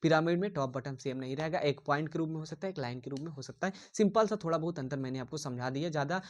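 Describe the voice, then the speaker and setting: A man teaches engineering drawing in a casual online lesson. His voice sits a little high, and he circles back over the same phrases again and again. He keeps calling his viewers dear. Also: rapid-fire. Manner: repetitive, rambling, addresses viewers as dear.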